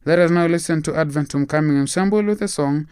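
A man's voice: fairly high pitch, quick pace. A man reading formal station announcements as a radio presenter.

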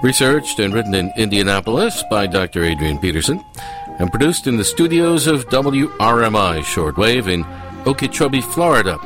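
A man hosts a radio programme from a script. His voice sits fairly low. Music runs clearly underneath him. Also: very animated, moderate pace. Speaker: host.

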